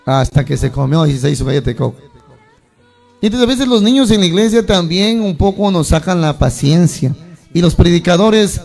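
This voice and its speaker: Guy preaching, high pitched and kinda gravelly, acts out voices while telling stories. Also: moderate pace, faint music behind. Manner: animated storytelling, acting out voices of churchgoers. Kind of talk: sermon.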